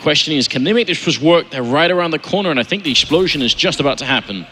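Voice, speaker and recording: A man commentating as an esports caster, with an urgent, excitable play-by-play delivery. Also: a little high, quick pace. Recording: game gunfire and noise behind commentary. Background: video game gunfire and ambience.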